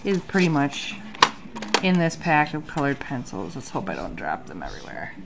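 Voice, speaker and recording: Heavy background noise surrounds a low-pitched female voice with big pitch swings, vocal fry, and a moderate pace. The speaker, a bullet journal vlogger in her thirties made nasal by a sinus infection, casually chats through her journal at a home desk under an overhead light, with lots of ums.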